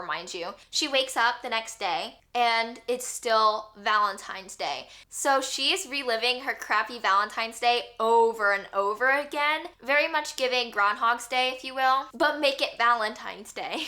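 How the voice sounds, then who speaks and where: A bright, high-ish young woman's voice, chatty and upbeat, reviewing romance books for her vlog. She gushes and tosses in lots of casual asides as she goes. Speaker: book vlogger.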